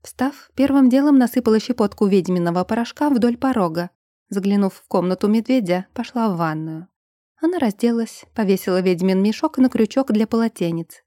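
A woman narrating a novel as an audiobook. Her reading is even and measured, with a mellow, dark tone. The recording is dry and close. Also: mid-range voice, dry recording.

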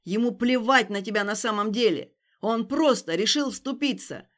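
A woman reading an audiobook, voicing a cold, manipulative young man who speaks flatly and breaks into shouting. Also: lowish voice, a little fast, voice pushed down, lightly acted. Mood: shouting, furious. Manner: flat and detached, then shouting.

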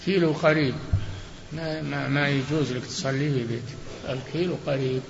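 A man's voice: mid-range voice, fairly even intonation, fairly quick, creaky. A man acting as a sheikh, answering religious questions with short, firm rulings in a question-and-answer lecture. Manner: short, firm rulings, often closing with "na'am". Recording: roomy, dull old hall recording with faint hiss.

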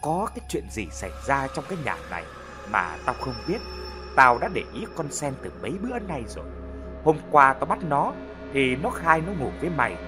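A man voicing a stern mother who berates her grown son in a sharp, cutting way. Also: on the low side, big pitch swings, measured pace, over music. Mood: scolding.

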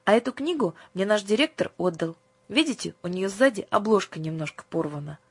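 A woman reading an audiobook, voicing an earnest young male seminary student who sells books and speaks in a gently instructive way. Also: mid-range voice, expressive, a little fast, husky, dry recording, voice pushed up. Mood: kindly.

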